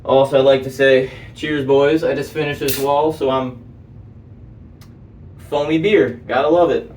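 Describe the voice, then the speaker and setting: A man's voice: medium pitch, steady tone, a little slow, darkish tone, recorded from a distance, slight background noise. A young man telling a story casually, with lots of swearing and fillers while he works. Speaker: vlogger. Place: indoor room while doing manual work. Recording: echoey room, voice off-mic.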